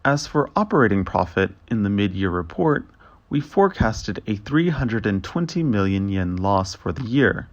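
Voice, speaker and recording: Gravelly low male translation voice-over. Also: moderate pace, highs cut off. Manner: steady, formal reading of figures. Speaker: interpreter. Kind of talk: read-aloud financial results briefing.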